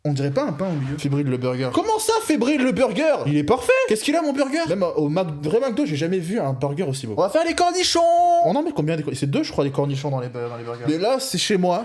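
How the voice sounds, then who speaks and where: A young man on a live stream, joking and slangy as he answers his chat. His voice sits a little high and swings up and down with animated energy, and the words come out quickly.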